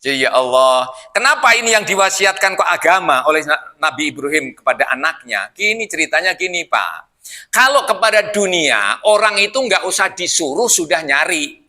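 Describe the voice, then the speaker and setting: A man's voice: fairly high pitch, sing-song, normal speed, pushed and bright. A middle-aged man, preaching in a mosque and teasing his listeners with questions. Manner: playful, teasing the audience with questions. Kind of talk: sermon.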